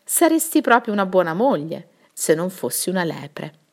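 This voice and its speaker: A woman's voice: on the low side, very animated, moderate pace, gravelly, heavily acted. A woman voicing a cheerful, confident young shepherd in a storybook reading. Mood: teasing.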